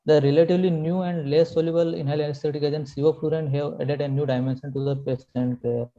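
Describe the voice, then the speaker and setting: An Indian-accented man gives a formal, scripted research presentation, reading it out a little haltingly. His voice is fairly high and very mellow, carried on a dull lo-fi video call. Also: level tone.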